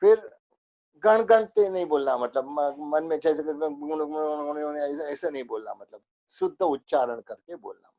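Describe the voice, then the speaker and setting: A man's voice: fairly high pitch, moderate pace, warm tone, dull audio. A man teaching a spoken religious lesson, going through a list of rules with many fillers.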